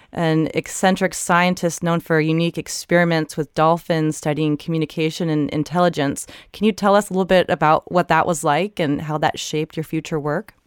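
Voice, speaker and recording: A woman interviewing a guest, appreciative and a little halting as she asks her questions. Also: lowish voice, smooth, dry recording, studio quality.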